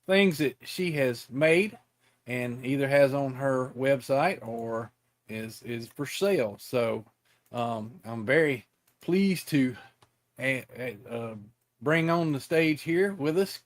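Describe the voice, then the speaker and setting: A man hosting a casual interview show, folksy and halting, with many fillers and restarts. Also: mid-range voice. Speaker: podcast host.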